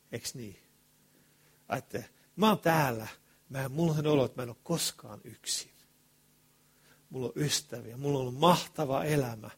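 A man preaching a sermon in colloquial speech, swinging between loud passionate bursts and hushed asides, with rhetorical questions to the congregation. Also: mid-range voice, slightly rough.

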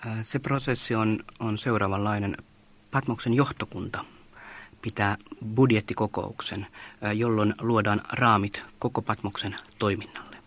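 A man from Finland explains procedures in a measured interview manner. His voice sits a little low. He often pauses with small hesitation sounds before going on. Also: fairly even intonation, fairly bright tone. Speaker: mission organization leader.

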